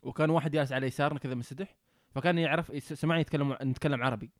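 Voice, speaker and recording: A young man from Oman, co-hosting a casual podcast and telling stories in relaxed banter. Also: fairly high pitch, no echo, studio quality. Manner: quick, storytelling, relaxed banter. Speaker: podcast co-host.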